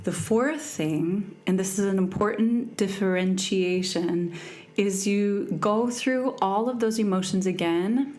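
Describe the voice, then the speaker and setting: A woman's voice: mid-range voice, slow pace, darkish tone. A young adult woman hosting a podcast, talking earnestly and reflectively about emotions in a casual way, often checking in with "right?". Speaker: podcast host. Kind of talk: casual self-help talk.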